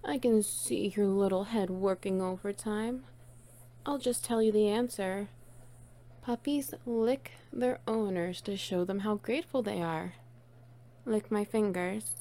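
A woman's voice: mid-range voice, dark tone. A woman playing a playful, teasing, bossy friend in an intimate one-sided audio role-play, coaxing and doting on the listener. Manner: teasing, coaxing, cooing praise.

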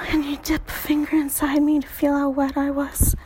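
A young adult woman telling an intimate story in a soft, breathy whisper, broken up by sighs. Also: high voice, level tone, moderate pace, a little hiss or hum.

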